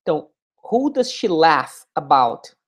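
A woman teaching English, speaking model phrases slowly for the listener to repeat and explaining them in quick asides. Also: deep voice, very animated, loud music behind the voice. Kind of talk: English lesson with repeat-after-me drills.

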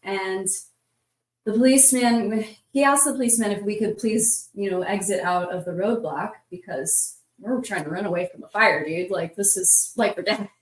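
A woman's voice: mid-range voice, moderate pace, far from the mic. Woman telling a story, off-mic in a roomy space. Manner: vivid, breathless retelling with many "like" fillers. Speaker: roundtable guest. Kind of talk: casual storytelling.

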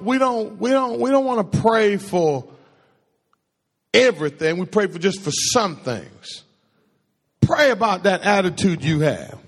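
The recording, full of long hall reverb, captures a pastor in a church sanctuary giving a call-and-response sermon. He is a man whose husky voice, which he calls a baritone, moves slowly yet animatedly. Preachy in style, he questions the congregation and supplies the answers.

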